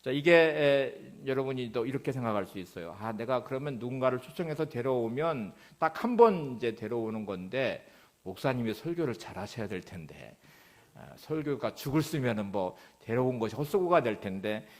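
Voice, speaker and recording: Lively Korean pastor telling a sermon story. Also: male voice, mid-range voice, normal speed. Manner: storytelling sermon, acting out quotes with rising emphasis.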